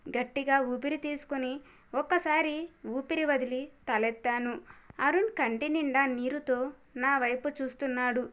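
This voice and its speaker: Woman reading a sad first-person story, soft and measured, high voice, muffled lo-fi sound. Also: clean tone.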